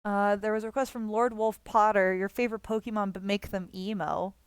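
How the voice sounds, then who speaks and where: Her mid-range voice is steady, brisk, clear and resonant, with no echo. A streamer drawing what viewers request, she chats and rambles loosely, laughing frequently and swearing casually.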